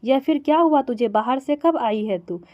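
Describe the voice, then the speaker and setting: A woman reading the part of a tired, sharp-tongued older daughter from a script. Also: high-pitched, moderate pace, dull audio, lightly acted. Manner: read aloud plainly from a script.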